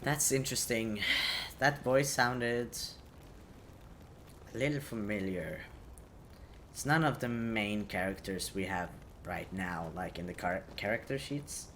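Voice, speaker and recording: A man's voice: lowish voice, measured pace, long pauses, fairly bright tone, slight background noise. A man giving casual video game commentary, hesitantly thinking aloud as he goes. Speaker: gaming commentator.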